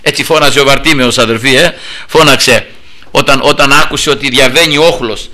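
A man preaching a fervent sermon, often addressing his listeners as brothers and repeating "thank God" as a refrain, swinging between soft asides and loud shouted praise. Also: mid-range voice. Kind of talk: Pentecostal-style sermon.

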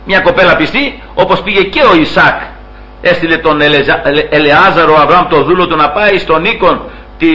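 A man preaching a sermon, retelling a story with lively acted-out dialogue and occasional laughter. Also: muffled recording. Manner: acts out quoted dialogue with raised pitch, laughs while telling.

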